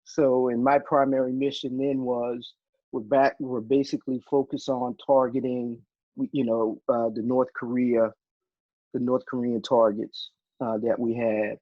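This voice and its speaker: Halting retired army man, muffled sound. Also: mid-range voice, little pitch movement, no room sound. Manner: halting, many fillers and restarts. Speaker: guest, retired army officer. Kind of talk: casual interview storytelling.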